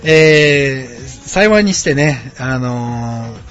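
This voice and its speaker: A man's voice: medium pitch, lively intonation, extremely slow, dull audio. Late-30s man from Osaka for a homemade podcast: friendly, rambling, filler-heavy, over faint background music. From Osaka, Japan. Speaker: podcast host. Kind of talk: casual solo podcast chat. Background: quiet background music.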